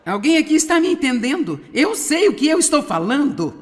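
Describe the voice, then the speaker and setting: A woman preaching a sermon in an animated way, with wry humor and frequent asides to the audience. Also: high voice, fairly quick, long reverb tail. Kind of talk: sermon, dubbed.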